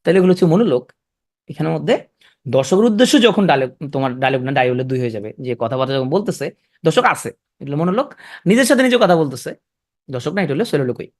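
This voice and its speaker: A man teaching a literature class in a conversational way, often asking students quick check questions. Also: on the high side, lively intonation. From Bangladesh. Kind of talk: exam-prep literature lecture.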